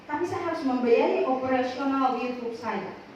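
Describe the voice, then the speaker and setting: A woman with a high voice preaches a sermon full of personal testimony, her emphasis rising and falling. She is heard from a distance in a very echoey prayer hall, with clear background noise. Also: moderate pace, a little mellow, muffled recording. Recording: echoey hall, from far off, noisy.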